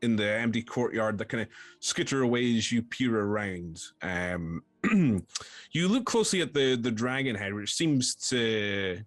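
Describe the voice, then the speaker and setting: Man as game master, hesitant scene narration, lively pitch, dry close sound, faint music under. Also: unhurried, dry recording. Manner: hesitant, many ums and restarts, descriptive.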